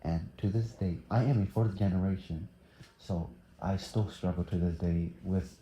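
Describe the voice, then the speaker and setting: A man's voice: low voice, fairly even intonation, moderate pace, dark tone, roomy sound. A teenage boy from Thailand answering interview questions casually, hesitant with many fillers. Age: teens.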